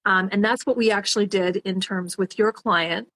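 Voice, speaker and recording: Woman guest, professional organizer, practical tips, steady mid-pitched voice. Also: moderate pace. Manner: practical, advice-giving, steady. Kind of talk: casual interview chat.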